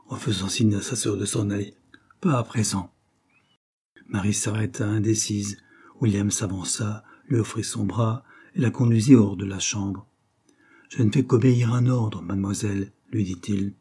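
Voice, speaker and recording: A man reading a classic novel aloud as an audiobook, narrating in a measured way and raising his voice for agitated dialogue. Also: on the low side, dark tone, slightly rough. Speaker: audiobook reader.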